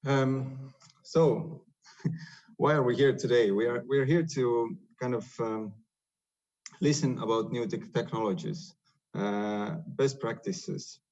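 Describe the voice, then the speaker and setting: A man's voice: mid-range voice, takes it slowly, darkish tone. A man with an Estonian accent, presenting on a video-call webinar in non-native English, with frequent hesitations and fillers. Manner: hesitant, many "uh" fillers and restarts. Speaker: software developer presenting on a webinar. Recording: dull lo-fi video call audio.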